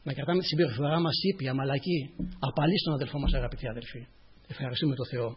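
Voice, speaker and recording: A man preaching a sermon to his congregation, rising to emphatic lines and then dropping to a low murmur. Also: muffled recording.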